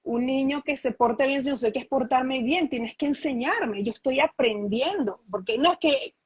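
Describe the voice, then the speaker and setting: Earnest husky-voiced woman explaining. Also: high-pitched, moderate pace, dry recording, rough recording. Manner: earnest, explanatory, frequent restarts and rhetorical questions. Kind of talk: conversational interview.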